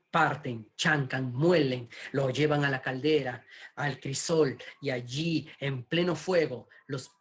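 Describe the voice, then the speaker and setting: A pastor preaching a sermon, slow and emphatic, with rhetorical questions to the congregation. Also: mid-range voice, fairly bright tone.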